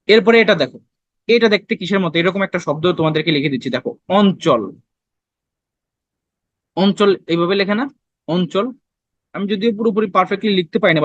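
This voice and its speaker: A man's voice: high voice, dry recording, muffled recording. A young man from Bangladesh teaching an admission-test spelling lesson, talking conversationally, putting questions to the students and answering them himself. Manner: conversational, asks students questions then answers them, mixes in English words. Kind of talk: online lesson explaining spelling.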